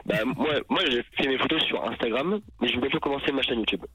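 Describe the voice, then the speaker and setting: A man's voice: mid-range voice, quick pace, fairly bright tone, poor audio. A man phoning a radio show, explaining things casually and a little hesitantly. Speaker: phone-in caller.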